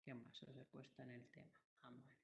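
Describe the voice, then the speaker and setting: A woman's voice: a bass voice, monotone, fairly quick, vocal fry. A woman teaching a math class, explaining patiently step by step and checking that students follow. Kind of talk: classroom lesson. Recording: roomy, dull lo-fi recording.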